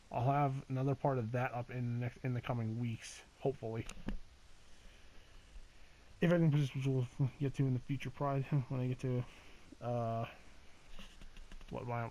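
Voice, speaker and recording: A man's voice: mid-range voice, darkish tone, slight background noise, poor audio. A man giving a casual channel update as a gaming YouTuber, rambling and hesitant with many fillers, restarts and casual swearing.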